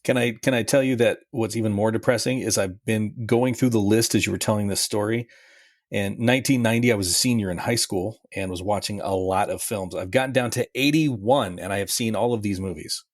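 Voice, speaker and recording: Brief: fifties man, low husky voice, deadpan joker on a podcast, dry sound. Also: fairly quick, no echo. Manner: wisecracking, deadpan jokes. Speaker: podcast co-host. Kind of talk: casual chat.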